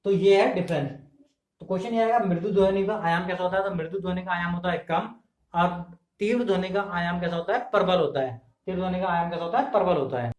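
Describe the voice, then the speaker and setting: A man's voice: high-pitched, fast. A man teaching an exam-prep class, asking questions and answering them himself while he repeats key terms, recorded on a camera mic in a room. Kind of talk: classroom lecture. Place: indoor room filmed on camera. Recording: echoey room.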